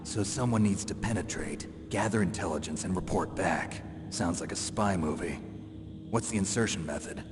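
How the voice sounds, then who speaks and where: An actor playing a terse, skeptical covert soldier in a video game, with a dry, questioning delivery. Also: male voice, deep voice, moderate pace, in a large hall, background noise, close to an everyday voice. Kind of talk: scripted video game voice acting.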